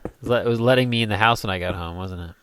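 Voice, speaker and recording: A man's voice: fairly low pitch, racing, fairly bright tone, slight background noise. A young man hosting a casual gameplay video, rambling and joking as he builds. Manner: jokey, rambling, sings goofy snippets. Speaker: gaming let's play host.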